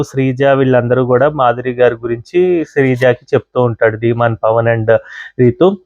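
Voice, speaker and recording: His voice medium in pitch and a little mellow, a man gives a chatty review of a reality show episode, sprinkling in English words and plenty of fillers. The audio has no echo and sounds dull.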